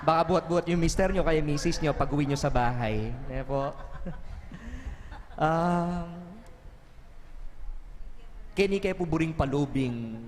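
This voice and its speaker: Priest preaching in a reverberant church. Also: male voice, a little high, slight background noise. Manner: mixes Tagalog, Kapampangan and English, slows for emphasis. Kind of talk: sermon. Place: parish church.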